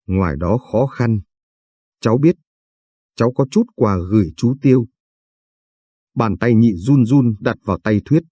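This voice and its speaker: A man narrating a late-night radio story program with a calm, measured reading. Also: on the low side, breathy edge, no room sound.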